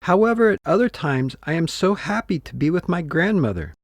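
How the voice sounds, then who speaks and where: A man voicing a sweet, nervous little girl in a classroom storybook reading, raising his voice gently. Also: high-pitched, animated, a little fast, dry recording, voice pushed up. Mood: wondering.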